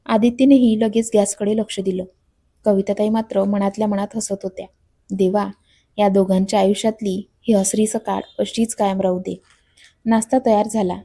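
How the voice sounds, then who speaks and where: A woman's voice: mid-range voice, mellow. A woman reading a romantic story aloud as narrator, speaking every character's lines in her own voice. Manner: reads all characters' dialogue in her own voice.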